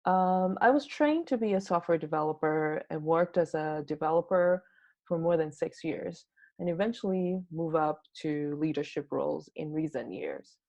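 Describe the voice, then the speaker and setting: A woman from Taiwan giving a prepared tech talk as a conference speaker, explaining things in a measured way. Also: deep voice, warm tone. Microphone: home recording for online talk.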